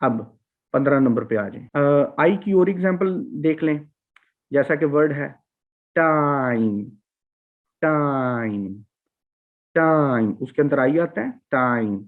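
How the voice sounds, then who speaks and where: A man teaching English phonetics in a recorded classroom lecture, slowly repeating vowel sounds to demonstrate them. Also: fairly high pitch. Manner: slow, repetitive, demonstrating vowel sounds aloud. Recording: tinny, phone-like lo-fi audio.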